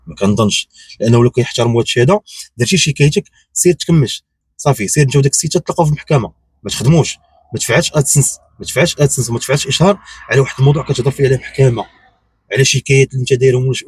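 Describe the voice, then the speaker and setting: Moroccan man, YouTube commentator, very husky voice, dry close sound, insistent, repetitive, unscripted. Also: medium pitch, a little mellow, no echo. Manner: insistent, repetitive, full of rhetorical questions.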